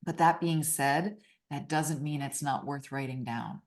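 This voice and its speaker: A woman's voice: low voice, a little slow. Chatty woman co-author hosting. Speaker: co-author and host. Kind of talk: casual video talk.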